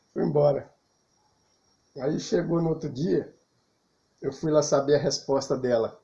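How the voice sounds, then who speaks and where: A man's voice: on the high side, vocal fry, dull audio. A man in his fifties with a Brazilian Portuguese accent, casually telling a personal story and chuckling often. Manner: chuckling often, relaxed and talkative.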